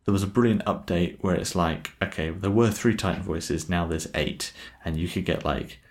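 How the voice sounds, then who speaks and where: This is a man with a low voice speaking at a moderate pace, co-hosting a casual gaming podcast. He's enthusiastic, laughs a lot, and swears casually.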